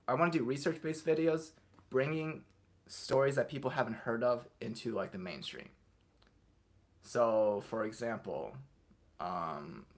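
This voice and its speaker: This young man's voice is lowish and husky as he hosts a relaxed livestream. He reads chat messages out loud and responds to them spontaneously.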